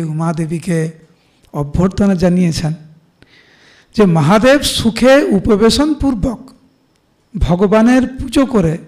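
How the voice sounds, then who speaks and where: High-voiced Bengali man preaching. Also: a little mellow. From India. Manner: explains with everyday examples, quotes verses in a slow chant-like way. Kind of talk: devotional scripture class.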